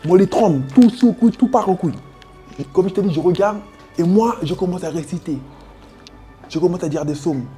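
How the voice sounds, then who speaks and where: A man from French Guiana tells his story with a French Guianese accent. His voice sits high but mellow. He talks in street slang, making sound effects and calling the listener brother, while faint music plays behind. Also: normal speed. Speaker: interviewee. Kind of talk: animated personal storytelling.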